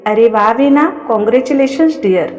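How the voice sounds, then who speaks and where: A woman's voice: a little high, brisk, darkish tone, lo-fi sound, close to an everyday voice. A woman voicing a friendly, cheerful dance studio owner. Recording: long reverb.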